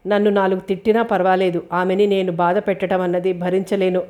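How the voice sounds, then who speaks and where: Woman voicing young pregnant wife, anxious, gentle, soft-spoken. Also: on the low side, flat delivery, brisk, close to an everyday voice. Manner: worried, gentle.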